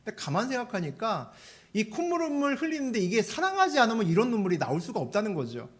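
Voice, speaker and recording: Male pastor, sermon; pitched a bit high, swings up and down a lot, storytelling delivery. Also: fast talker. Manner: animated storytelling, asks the congregation questions.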